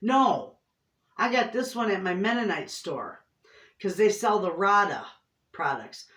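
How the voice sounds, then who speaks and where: A woman's voice: mid-range voice, lively intonation, a little slow, fairly bright tone. A middle-aged woman with an Inland Northern Michigan accent, chatting casually and effusively to camera in a folksy way, often repeating herself. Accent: Inland Northern American (Michigan). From Michigan, United States. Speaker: homestead cooking vlogger. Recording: roomy echo, distant microphone.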